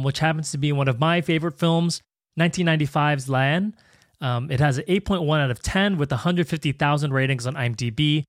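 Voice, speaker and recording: Dry-sounding, higher-voiced male host. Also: no room sound. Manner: enthusiastic, reads facts then asks questions. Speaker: interview host. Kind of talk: podcast interview.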